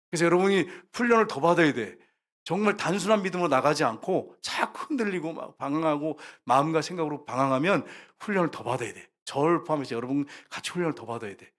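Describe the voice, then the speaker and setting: Man, pastor, sermon, animated delivery, slightly high-pitched. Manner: lively preaching, acting out quoted voices. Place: church sanctuary.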